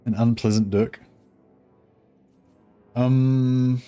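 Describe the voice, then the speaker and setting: A man's voice: mid-range voice, steady tone, extremely slow, warm tone, clear, resonant tone, soft background music. A man casually thinking aloud as he plays a video game, musing and hesitant, with some swearing. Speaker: video game player commentating.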